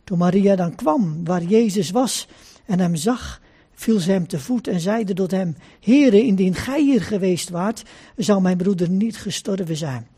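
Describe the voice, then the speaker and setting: Male preacher, solemn sermon delivery, husky mellow voice, repeats phrases for weight. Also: sits high, expressive. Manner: slow deliberate preaching with "hè" asides. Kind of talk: sermon with scripture reading.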